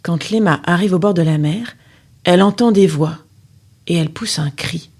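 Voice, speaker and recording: A woman reading a children's story aloud with expressive, dramatic storytelling. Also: fairly low pitch, moderate pace, husky.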